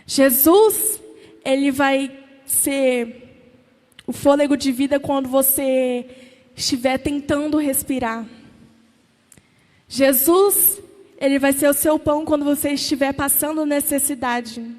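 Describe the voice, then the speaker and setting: A woman's voice: high voice, fairly even intonation, takes it slowly, pauses often, darkish tone. A woman with a Brazilian Portuguese accent preaching a sermon, with emphatic, repeated questions to the congregation. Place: church. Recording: long church reverb.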